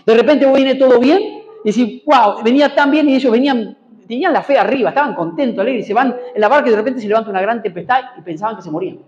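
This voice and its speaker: A man's voice: extremely high pitch, fast talker, darkish tone, echoey room, highs cut off. A man preaching a sermon in a church, prompting the congregation to repeat after him and answer amen. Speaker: pastor. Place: church hall.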